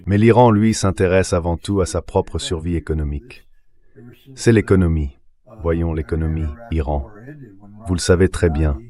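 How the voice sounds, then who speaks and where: A man with a low, dark-toned voice at normal speed reads a translated voice-over of political commentary as an interview guest. A political commentator, he speaks assertively and emphatically, often using rhetorical questions.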